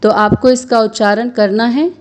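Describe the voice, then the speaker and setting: A woman teaching Sanskrit verse recitation, patiently chanting each line slowly and then explaining pronunciation. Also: on the high side, fairly even intonation, a little hiss or hum. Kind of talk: slow instructional recitation.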